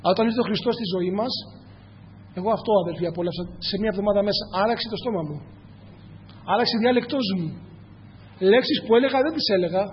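In a church hall, a man whose voice sits high preaches with frequent pauses, addressing his listeners as brothers and asking rhetorical questions in an earnest tone. The recording is echoey and dull lo-fi, with a faint hum underneath.

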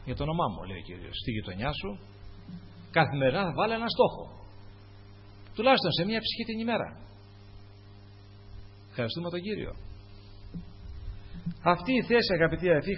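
A man delivers an impassioned sermon in a husky, somewhat high voice. His pitch swings widely between soaring exclamations and quiet asides. The recording is dull and lo-fi. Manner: impassioned preaching, rising to high calls then dropping to murmured asides. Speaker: preacher.

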